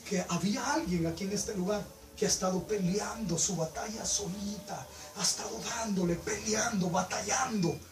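Fervent preacher man, echoey. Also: sits high. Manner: fervent, rising to loud emphatic peaks. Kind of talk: sermon. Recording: echoey room, picked up from a distance.

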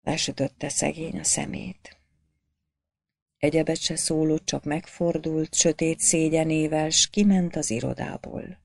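A woman narrating a novel as an audiobook reader in a steady storytelling manner. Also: low-pitched, gravelly, no echo.

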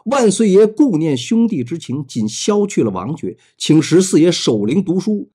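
A man's voice: a little high, sing-song, moderate pace, mellow, slightly rough. A man voicing an indignant older scholar-official who argues back point by point. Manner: retorting, argumentative.

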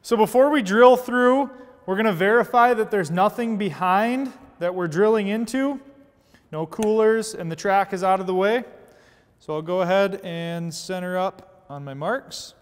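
A fairly high-pitched man in his thirties walks through an installation with steady, methodical instructions. His voice carries a long reverb from a large indoor workshop, picked up on a lapel mic. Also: measured pace. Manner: steady, methodical step-by-step explaining. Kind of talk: scripted how-to narration.

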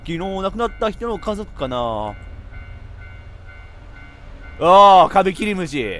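High, lively man shouting through a horror game. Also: takes it slowly, soft background music. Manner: joking running commentary, teasing the game; sudden shouted reactions. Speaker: VTuber game streamer. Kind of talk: horror game let's-play commentary.

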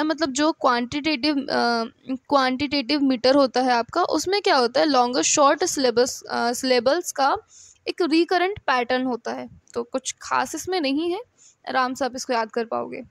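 High-voiced woman teaching in a dry room. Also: dry recording. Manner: mixes Hindi and English, reads English definitions slowly. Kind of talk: explanatory lecture.

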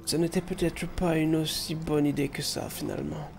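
A man's voice: fairly high pitch, steady tone, normal speed, vocal fry, darkish tone, soft background music. A man reading the lines of a queasy male hobbit companion aloud from a game, groaning and rueful. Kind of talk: reading quest dialogue aloud.

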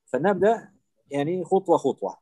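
A man's voice: on the high side, lively intonation, a little fast, dark tone, dry recording, low-quality recording. A man teaching Arabic morphology to students, patiently repeating words and drilling forms step by step. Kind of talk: live online lesson with students.

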